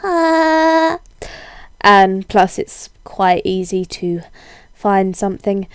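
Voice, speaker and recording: A young woman with a cold-hoarsened voice, chatting casually in a rambling, self-deprecating way as a video blogger. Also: medium pitch, level tone, slow, no room sound. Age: young adult. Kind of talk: casual chatty vlog, answering tag questions.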